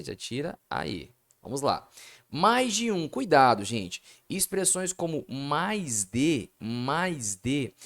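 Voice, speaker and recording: A Brazilian-accented man talks his way through exam questions in a video lesson, his pitch rising and falling a lot. He speaks to the audience in a chatty way and answers his own rhetorical questions. His voice sits at a middling pitch. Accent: Brazilian Portuguese. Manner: asks rhetorical questions and answers them himself; chatty, addresses viewers as "gente". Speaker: Portuguese language teacher.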